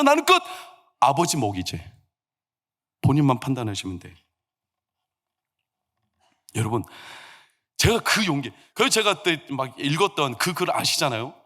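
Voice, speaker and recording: A man's voice: mid-range voice, a bit bright. A man, the senior pastor, preaching a sermon in a church sanctuary and telling stories with humor and acted quotes.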